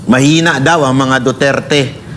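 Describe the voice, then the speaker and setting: A man giving online political commentary in a halting way, with frequent fillers. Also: medium pitch, steady tone, fairly bright tone, slight background noise. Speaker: political vlogger.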